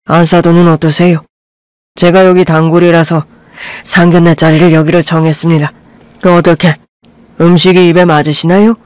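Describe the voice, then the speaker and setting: A gentle father-in-law in a radio drama, as a woman narrator puts him on, speaks in a soft, placating way. His tone is easy and kind toward his son's bride. The recording is dry and close. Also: on the low side, little pitch movement, normal speed, no room sound, lightly acted. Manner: mild, placating. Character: gentle, kindly middle-aged father-in-law.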